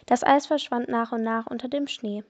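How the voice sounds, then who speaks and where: A woman podcaster reading a children's mystery story aloud in steady storybook narration. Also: a little high, moderate pace, highs cut off. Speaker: podcast reader.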